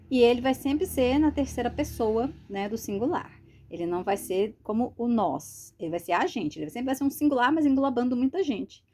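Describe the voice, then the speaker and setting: A Brazilian woman teaching French online, slowly repeating words and explaining in a lively, sing-song voice. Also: fairly high pitch, slight background noise. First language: Portuguese. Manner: slow drilled repetition of French words. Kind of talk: screen-share language lesson.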